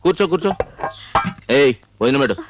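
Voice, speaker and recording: A man's voice: mid-range voice, lively intonation, brisk, faint music behind, lightly acted. An actor playing a strict, protective middle-aged father who is stern with others and tender with his daughter. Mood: fatherly. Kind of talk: film dialogue.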